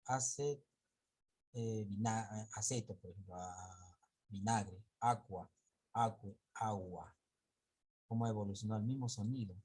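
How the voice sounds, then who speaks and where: A man teaching an online class, lecturing slowly and haltingly, often stopping to correct himself. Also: on the low side, darkish tone, breathy edge.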